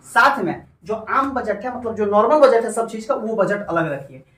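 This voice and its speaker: A man's voice: sits high, lively intonation, normal speed, a bit bright. A male teacher giving a classroom lecture, repeating his questions and having students chant back the answers. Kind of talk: classroom lecture with call-and-response quizzing. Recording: roomy classroom recorded from far off. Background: students' voices.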